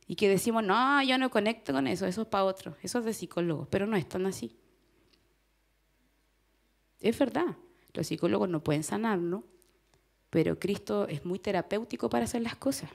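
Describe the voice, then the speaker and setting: A woman's voice: medium pitch, brisk, creaky, pauses often. A woman with a Chilean accent preaching a conversational sermon in church, often asking the congregation questions and laughing. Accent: Chilean Spanish.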